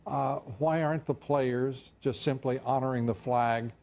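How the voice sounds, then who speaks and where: An older male TV news host who leads a panel and pauses often with fillers. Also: medium pitch, steady tone, gravelly, a little mellow. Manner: hesitant with many fillers. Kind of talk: cable news anchor segment.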